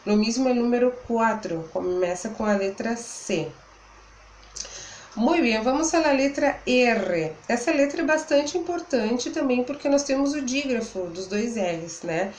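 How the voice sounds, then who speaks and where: A woman teaches a language lesson, explaining patiently, slowing down to model words and checking in with her students. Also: a little high, expressive, darkish tone, roomy sound, slight background noise. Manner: switches between two languages, checks in with "né?". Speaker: Spanish teacher.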